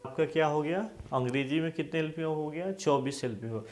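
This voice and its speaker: A man's voice: fairly high pitch, fast talker, darkish tone, a little hiss or hum. A male English grammar teacher with a Hindi accent, giving a classroom-style lesson and repeatedly asking questions so students answer aloud.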